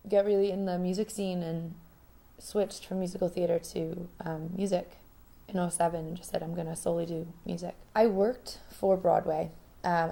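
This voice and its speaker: In a living room, a young singer-songwriter from Rhode Island, United States, chats casually in an interview and laughs through relaxed stories. Her voice is lowish, with vocal fry.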